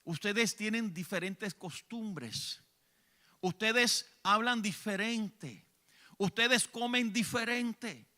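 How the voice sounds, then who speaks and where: Fervent Puerto Rican preacher man, high bright voice. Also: slow pace. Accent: Puerto Rican Spanish. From Puerto Rico. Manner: fervent, swings from hushed to shouting. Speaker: evangelist preacher. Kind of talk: sermon. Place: church sanctuary.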